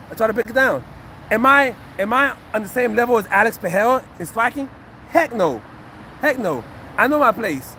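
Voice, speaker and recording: High-pitched, bright, and pushed, the voice belongs to a retired fighter and acupuncture physician in his fifties who casually dissects a fight for his live chat. He talks earnestly to viewers and tends to repeat himself, with slight background noise in the recording.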